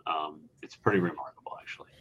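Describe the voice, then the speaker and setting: A man chatting casually on a podcast panel in an easygoing, halting way, with lots of fillers. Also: extremely low pitch, fairly bright tone, husky, lo-fi sound. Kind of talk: casual chat.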